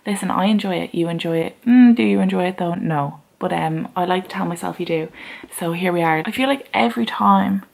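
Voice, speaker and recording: A woman talks casually to the camera she is filming with at home. Her voice has a gravelly fry to it. She rambles along, teasing herself in a playful, self-mocking way. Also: on the low side, a little fast. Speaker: vlogger. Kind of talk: casual self-filmed vlog chat. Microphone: camera she is talking into.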